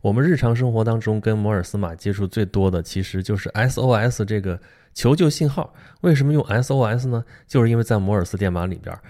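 A man whose first language is Mandarin Chinese explains a book in a casual, conversational lecture, often putting rhetorical questions to the listener. His voice is lowish with a dark tone.

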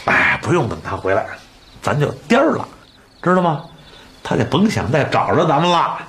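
Irritable crooked rich husband in a period tv drama, beijing accent, sweary, highish voice, faint noise. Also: male voice, sing-song, normal speed. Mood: defensive scheming. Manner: brash, earthy swearing. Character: crude, scheming, irritable husband in a wealthy old Chinese household.

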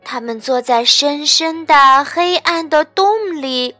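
A woman reading a children's story aloud in a gentle, expressive way. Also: high-pitched, slow pace, no room sound. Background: faint background music.

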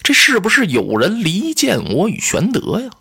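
Brief: lively traditional storyteller, bright husky voice, swooping delivery, chatty asides. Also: medium pitch, moderate pace. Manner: animated, conversational asides to listeners. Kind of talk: traditional Chinese storytelling narration.

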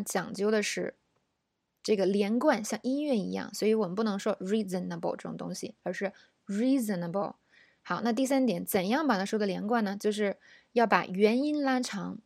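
Woman, pronunciation teacher, from China, patient explaining, mid pitch, dry close mic. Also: no echo. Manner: patient explaining, models English words slowly. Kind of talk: spoken language lesson.

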